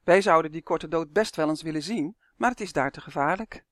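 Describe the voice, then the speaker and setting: A storyteller voicing Dummy, a gossipy young dwarf twin in a children's story, who asks question after question with eager excitement. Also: mid-range voice, brisk, no echo, studio quality, natural voice. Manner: excited, nosy.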